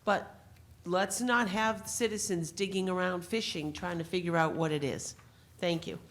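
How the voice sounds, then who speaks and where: Woman w/ lowish voice at the city meeting mic, pointed and insistent. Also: fairly even intonation, normal speed, a little hiss or hum. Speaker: public commenter. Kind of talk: public comment at a city meeting. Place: city council meeting room.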